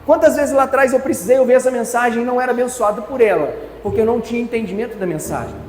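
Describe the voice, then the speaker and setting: A man's voice: extremely high pitch, rapid-fire. Brazilian male pastor, sermon, emphatic repetition, echoey church hall, faint music behind. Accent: Brazilian Portuguese. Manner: emphatic, repetitive preaching cadence.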